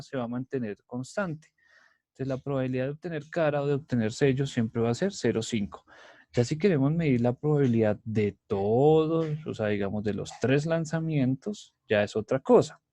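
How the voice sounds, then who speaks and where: A man's voice: mid-range voice, dark tone, no room sound. A male math teacher from Colombia giving a recorded lecture, explaining step by step and checking in with the class again and again. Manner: repetitive, many "entonces" and "¿sí?" checks.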